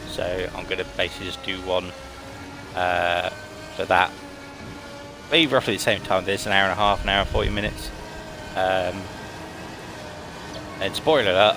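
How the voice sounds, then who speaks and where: A man's voice: deep voice, poor audio. Tired man streaming a racing game. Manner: rambling, many fillers and restarts. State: tired, yawning. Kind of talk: casual stream commentary. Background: game music and car engine sounds.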